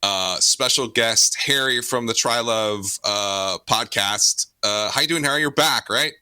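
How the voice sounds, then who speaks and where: A man hosting a casual film podcast, talking loosely with lots of fillers and quick asides. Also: mid-range voice, bright, forceful tone, no echo. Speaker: podcast host.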